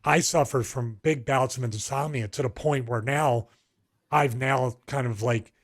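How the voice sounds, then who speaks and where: A man's voice: mid-range voice, measured pace. Here a middle-aged man with a Philadelphia accent talks through long, meandering stories on a podcast. He speaks in an easygoing, conversational way, restarting sentences often and leaning on fillers as he goes. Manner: rambling, storytelling with frequent restarts and fillers. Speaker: podcast co-host. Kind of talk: casual chat.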